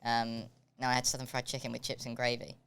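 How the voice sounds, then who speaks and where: A British man co-hosting a casual podcast, his voice altered with a chipmunk-like pitch shift. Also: monotone, quick pace, creaky, fairly bright tone. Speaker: podcast co-host. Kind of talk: casual chat.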